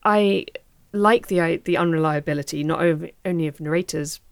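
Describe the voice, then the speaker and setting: Very low, gravelly-voiced woman author. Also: moderate pace, no room sound. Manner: reflective, searching for words. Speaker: author guest. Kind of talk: literary discussion.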